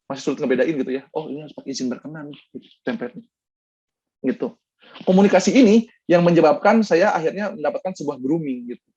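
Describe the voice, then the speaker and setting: Young man, Sundanese-tinged Indonesian accent, husky, slightly raised pitch, chatty presenter, dull lo-fi sound. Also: animated, fast, a little mellow. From Bandung, West Java. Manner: chatty, addresses the audience as friends, many fillers, acts out quoted dialogue. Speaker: guest speaker. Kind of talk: casual talk-show presentation with slides.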